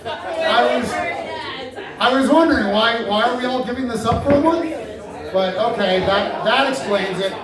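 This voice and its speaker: A man's voice: extremely high pitch, lively intonation, normal speed, long pauses. A man giving a wry, teasing comic roast to a live audience, with playful sound effects. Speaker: comedian roasting colleagues. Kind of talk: stand-up roast toast. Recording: echoey hall, distant mic, crowd laughter.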